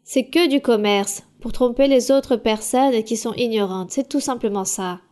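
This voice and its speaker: A woman leading a Bible study answers questions in a calm, direct way. Her voice sits a little high, and she explains things plainly and firmly, like a teacher. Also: normal speed. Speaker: church leader answering questions.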